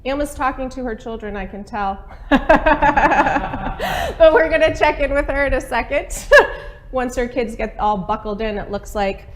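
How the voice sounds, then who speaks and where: High-voiced upbeat woman hosting a webcast. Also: normal speed, pauses often, a little hiss or hum. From Maine. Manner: upbeat, chatty, laughs often. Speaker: webcast host. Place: studio set with a small table and laptop.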